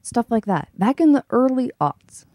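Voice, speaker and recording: A woman's voice: on the high side, very animated, moderate pace, a little mellow, dry recording. A woman hosting a livestream in casual, bantering chat, playful and emphatic, rambling as she goes. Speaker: livestream host.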